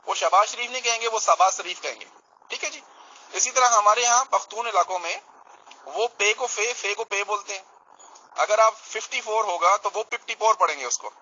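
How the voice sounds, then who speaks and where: A man from Pakistan walks through his argument in a religious debate, checking in with his listener as he goes. His voice sits high and slightly husky, with a very bright, cutting edge. The recording is dull and lo-fi. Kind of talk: explanatory debate talk.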